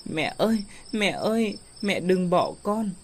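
Storybook role: a man playing a small scared girl, high and pleading. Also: sing-song, measured pace, a little hiss or hum. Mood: tearful. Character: frightened little girl, tearful and pleading.

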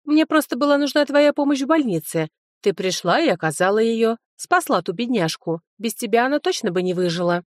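A woman's voice: fairly high pitch, expressive, brisk, dry recording, clean studio sound, pitched above the performer's own voice, lightly acted. A woman reading an audiobook, voicing a sly, self-serving young man, a former fiancé. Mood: defensive.

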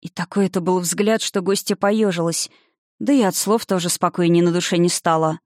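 A woman reading a fantasy novel aloud in a lively storytelling manner. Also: lowish voice, normal speed, dry recording, clean studio sound. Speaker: audiobook narrator. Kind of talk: scripted fantasy narration.

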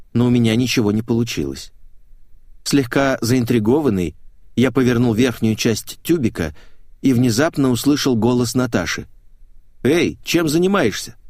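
A man reading a first-person audiobook with a wry, measured delivery. His pitch moves lively across lines. The recording is dry and close. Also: no room sound. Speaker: audiobook narrator.

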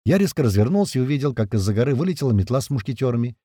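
Brief: male audiobook narrator, dark tone, lively pitch, dry close sound, chatty first person. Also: rapid-fire, breathy edge, dry recording. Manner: conversational, swears casually.

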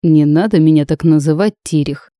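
A woman voicing a stern, brooding male mage who speaks slowly and with menace. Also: dark tone, dry recording, studio quality, lightly acted. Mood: irritated. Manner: slow, low and menacing.

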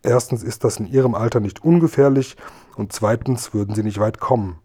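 A gruff storybook robber, crafty and blunt, grumbling low and curt, as a man puts him on. The voice sits dark and mellow at an ordinary pitch. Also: fairly quick.

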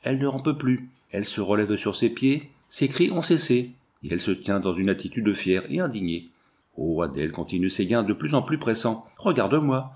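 A man with a lowish voice narrates a novel as an audiobook, reading in a measured, expressive storytelling way.

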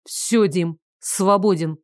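A woman's voice: lowish voice, takes it slowly, no room sound, studio quality. A woman reading a curt, cold young woman. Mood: hissing. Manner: curt, through gritted teeth. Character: firm, cold young woman ending an affair.

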